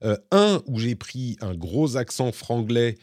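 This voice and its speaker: A man's voice: mid-range voice, sing-song, slow, darkish tone, no room sound, clean studio sound. A man hosting a casual tech podcast, chatty and explaining demos to listeners. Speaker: podcast host.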